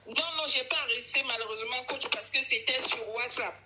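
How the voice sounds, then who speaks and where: A woman from the Ivory Coast calls in for advice, her voice very bright and a little high. She answers insistently and repeats her points to be believed. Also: brisk, slight background noise. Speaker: caller. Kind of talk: phone-in advice call.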